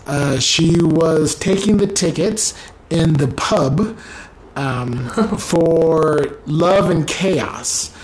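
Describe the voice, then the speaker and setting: A man's voice: on the high side, extremely slow, poor audio. A man hosting a podcast, chatting casually with lots of fillers and restarts, in a rental apartment. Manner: rambling, filler-heavy, playful. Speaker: podcast host. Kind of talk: casual interview chat.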